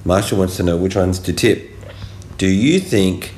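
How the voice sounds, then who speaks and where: Very deep-voiced Australian man, noisy background. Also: animated, a little slow, a little mellow, echoey room. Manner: simple, patient questions to a toddler. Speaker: podcast host. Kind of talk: casual podcast chat with a small child.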